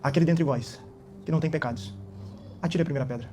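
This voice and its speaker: A man, preaching a sermon and voicing a gentle, calm Jesus in a soft, low, hushed voice. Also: moderate pace, soft background music.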